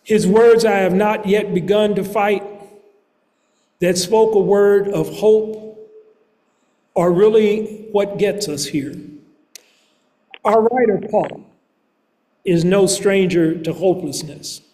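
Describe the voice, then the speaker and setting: A man preaching a sermon in a church, reading scripture and then speaking in a slow, measured way with deliberate pauses. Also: sits high, dark tone. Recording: long reverb of a large hall.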